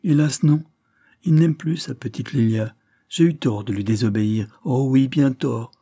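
A man reading aloud voices a frail, lovesick young English lady who pleads in a higher, trembling tone. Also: moderate pace, dark tone, slightly rough, no echo, clean studio sound. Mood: distraught.

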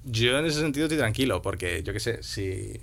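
A man's voice: lowish voice, lively intonation, a little fast, vocal fry, fairly bright tone. A man, a podcast guest and musician, telling a story in a slangy, rambling, conversational way. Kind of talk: casual storytelling.

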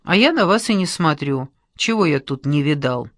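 A woman's voice: deep voice, lively intonation, normal speed, no room sound, clean studio sound. A woman reader voicing a greedy, shameless man who mumbles offhandedly. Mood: offhand.

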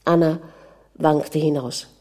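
Mellow, low-voiced woman reading a novel. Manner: calm, measured reading. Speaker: audiobook narrator. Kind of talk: scripted literary narration.

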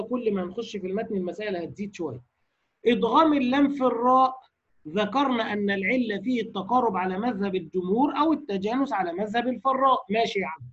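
A man with an Egyptian accent teaching the rules of recitation in a lecture. He explains each rule, asks the class questions and demonstrates words slowly. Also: high-pitched, slightly rough. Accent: Egyptian Arabic. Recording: dull lo-fi recording.

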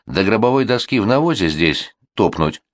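A man's voice: on the low side, animated, moderate pace, no room sound, clean studio sound, voice pushed up, lightly acted. A man voicing a bitter, reproachful old village grandmother in an audiobook reading, with a scolding, folksy manner. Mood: aggrieved. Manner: scolding, complaining, folksy speech.

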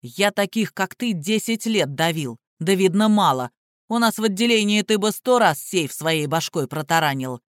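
A reader voicing a stern male lawyer and former policeman who booms and barks orders. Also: lively intonation, normal speed, no room sound, studio quality, lightly acted. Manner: booming, barking orders.

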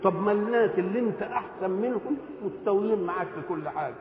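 Older Egyptian preacher in echoey hall. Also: male voice, high-pitched, rapid-fire, crowd noise. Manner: animated, asks rhetorical questions and answers them. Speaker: Quran commentator. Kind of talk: colloquial religious lesson. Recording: tinny lo-fi recording in echoey hall.

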